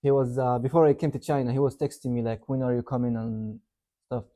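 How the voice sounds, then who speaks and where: A young man from Yemen who grew up in Saudi Arabia talks fast in a mid-range voice while chatting casually as an interview guest. He's a university student, and his rambling, relaxed speech is full of "like" and "you know."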